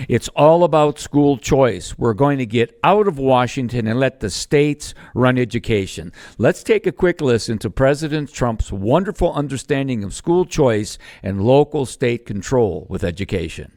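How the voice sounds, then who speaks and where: A man's voice: mid-range voice, a little mellow, dry recording, studio quality. A middle-aged man co-hosting a live-streamed talk show, folksy and enthusiastic. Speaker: co-host.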